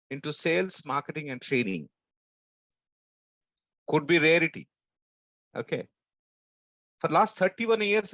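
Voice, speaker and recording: This is a man close to sixty with a strong Telugu-flavoured South Indian accent. His voice sits a little high and is recorded dry. He talks like a sales trainer, in short emphatic phrases, often putting questions to his listeners. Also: fairly bright tone, no echo. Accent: strong South Indian Andhra Telugu. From South India, Andhra. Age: 59, about sixty. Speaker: sales trainer and business coach. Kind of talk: motivational training talk to an audience.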